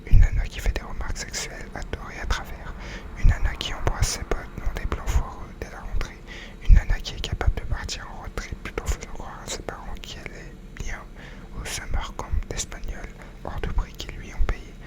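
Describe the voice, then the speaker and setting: An ASMR narrator reads a novel entirely in whispers. The delivery is soft and breath-only, unhurried like a bedtime story, now and then tripping on a phrase and reading it again. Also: rough recording.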